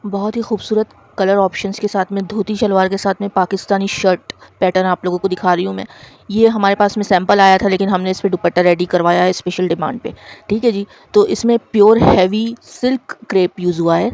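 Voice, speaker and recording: A woman with a medium-pitched, slightly mellow voice, a boutique owner who also lectures, shows viewers designer outfits in a product showcase. Her delivery is a chatty sales pitch filled with fillers.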